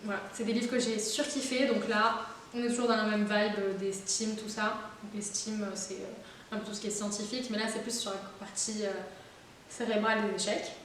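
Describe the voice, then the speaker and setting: A woman's voice: medium pitch, little pitch movement, normal speed, fairly bright tone. A woman chatting casually about her new books, with many fillers and little laughs. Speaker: book vlogger. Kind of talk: casual book haul chat. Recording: very echoey room, distant mic, faint hiss.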